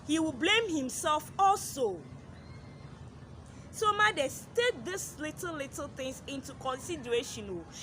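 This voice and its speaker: A woman's voice: high-pitched, expressive, unhurried, background noise. A woman, a mother, giving earnest advice to other mothers in a casual vlog, repeating her points and acting out what children say. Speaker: parenting advice vlogger, mother.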